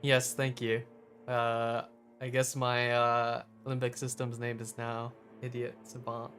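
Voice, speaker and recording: A young man streaming a game, talking casually with chuckles and halting fillers. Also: medium pitch, completely flat delivery, fairly bright tone, soft background music. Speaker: developer and streamer. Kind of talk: casual live stream chat.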